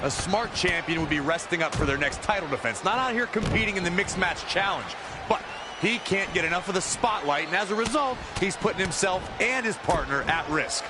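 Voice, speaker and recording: Snarky male color commentator, high-pitched, heard over heavy noise. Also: animated, brisk. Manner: snarky, mocking. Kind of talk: wrestling commentary.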